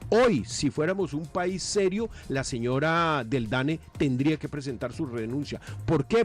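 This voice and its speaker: A man with a Colombian accent and a fairly high voice delivers opinionated commentary on a news programme. He sounds indignant and emphatic, posing questions and answering them himself, with music behind him.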